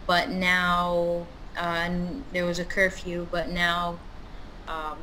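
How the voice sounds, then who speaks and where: A woman's voice: fairly low pitch, completely flat delivery, slow pace, pushed and bright, a little hiss or hum, poor audio. Hesitant woman with a British accent. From grew up in the UK. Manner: hesitant, many fillers. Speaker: webinar participant, college teacher. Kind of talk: casual video-call chat. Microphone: video call.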